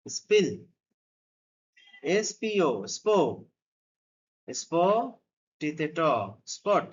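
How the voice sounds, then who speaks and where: A man's voice: a little high, highs cut off. A man teaching a beginners' spelling lesson. He spells each word letter by letter, then sounds it out syllable by syllable. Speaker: phonics teacher.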